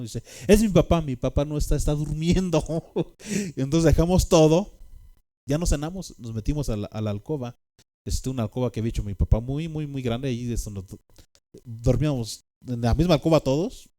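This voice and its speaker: A man's voice: medium pitch, mellow. A man with a Mexican accent telling a personal testimony, rambling with fillers and tag questions. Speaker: speaker giving a personal testimony.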